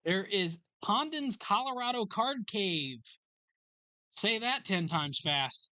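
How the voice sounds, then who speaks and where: At a sports card shop, a host running a live card break calls out every pull in a steady, matter-of-fact way, briskly listing card names and numbers. His mid-range voice sounds bright and forward. The recording is dry and close-miked, with no room sound.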